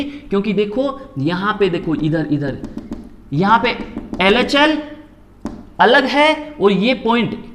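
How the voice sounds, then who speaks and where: A middle-aged man teaching a maths lecture, lively, repeating phrases and acting out his students' questions. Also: sits high.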